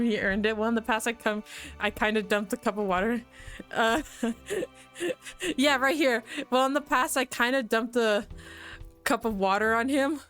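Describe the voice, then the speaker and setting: A woman streamer reads a visual novel aloud and chats about it, laughing often between lines. Her voice sits a little high, with faint game music underneath. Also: fairly bright tone.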